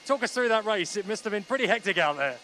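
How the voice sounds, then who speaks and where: A man conducting a post-race interview, energetic and upbeat. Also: sits high, fast. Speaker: trackside interviewer.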